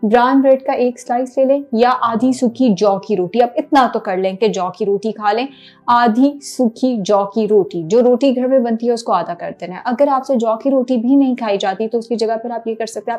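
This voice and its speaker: A woman's voice: fairly high pitch, fairly quick, few pauses, darkish tone, faint music behind. A woman giving plain, step-by-step diet instructions, with English words mixed in. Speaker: diet planner.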